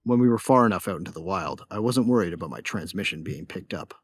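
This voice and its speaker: Voicing a young bounty hunter in a first-person sci-fi audio drama, a man narrates wryly, sounding relaxed and cocky. He speaks fast in a low voice with lively intonation and a breathy edge, with no room sound.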